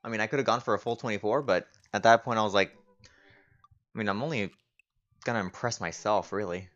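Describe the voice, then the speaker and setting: A man's voice: lowish voice, brisk, a bit bright. A man streaming a game playthrough, chatting casually and reading game text aloud while hot and tired. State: overheated and tired. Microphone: old home streaming setup. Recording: dull lo-fi stream audio.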